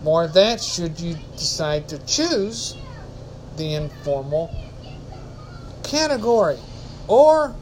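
Slow-talking high-voiced man hosting a podcast. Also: big pitch swings, a little mellow, a little hiss or hum, low-quality recording. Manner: rambling, self-correcting. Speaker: podcast host. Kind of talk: casual solo podcast.

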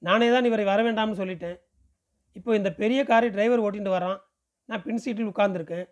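A man with a notably high voice reads a novel aloud for a podcast. He tells the story in the first person at a steady, measured pace, as in an audiobook. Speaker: podcast reader.

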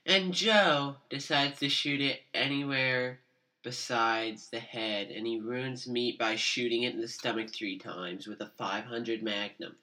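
Young male comic storyteller, bright tone, crude and needling. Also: medium pitch, steady tone, measured pace. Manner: crude, teasing, mock-accusing. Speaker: comedic storyteller. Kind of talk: improvised comedy bickering.

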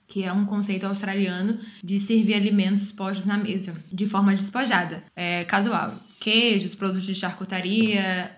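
A Brazilian woman from Sergipe with a matching accent, chatting as a guest about her small business, with many fillers. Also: mid-range voice. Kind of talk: casual recorded interview. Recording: roomy and slightly dull.

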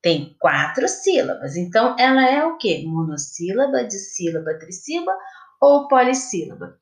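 A woman teacher from Brazil with a Brazilian Portuguese accent, giving a recorded lesson to children in a slow, patient, sing-song questioning way. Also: medium pitch, big pitch swings. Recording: echoey room.

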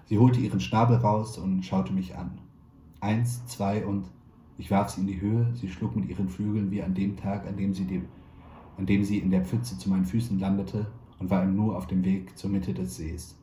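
A man, a stage actor, reading a literary short story aloud in a measured, quietly wry way. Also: low voice, little pitch movement. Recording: roomy echo, faint background noise.

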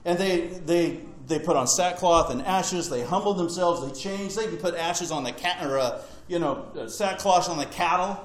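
A man preaches in a chatty, storytelling way, dropping in jokes as he retells scripture. His voice sits a little high. The room gives a strong echo. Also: normal speed, hardly any pauses. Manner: conversational, retells scripture with asides and humor. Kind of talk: sermon.

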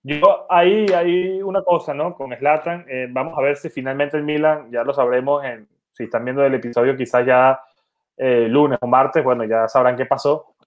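Male podcast co-host, mid-range voice, calm explainer in loose conversation. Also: medium pitch, moderate pace. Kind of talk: casual chat.

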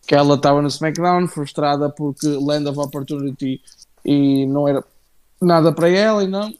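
Male co-host, European Portuguese accent, slightly raised pitch, halting and slangy, chatting casually and familiarly. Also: a little mellow, clean tone. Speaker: wrestling show co-host. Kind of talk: casual live chat about wrestling.

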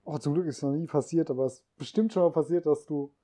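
Slangy young man, dark mumbly voice. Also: on the high side, fast talker. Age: young adult. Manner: rambling, slangy, drops to a mumble. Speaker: podcast co-host. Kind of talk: casual chat. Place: room in a friend's home.

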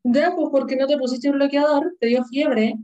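A woman's voice: sits high, moderate pace, mellow. Young Chilean woman chiming in. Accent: Chilean Spanish. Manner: chimes in with short reactions and questions. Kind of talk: casual chat. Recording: dull lo-fi sound.

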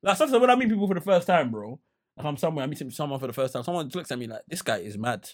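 A man's voice: a little high, lively intonation, rapid-fire. A young man with a London roadman accent, talking in slangy, outgoing banter with friends and repeating himself for emphasis. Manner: slangy urban street talk, repeats phrases for emphasis; outgoing, talkative. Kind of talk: casual banter among friends.

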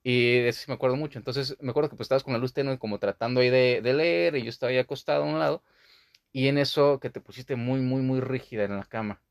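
A man's voice: medium pitch, quick pace, creaky, clean tone, dry recording, studio quality. A young man hosting a podcast, talking through a childhood memory in a rambling, casual way with many fillers. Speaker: podcast host.

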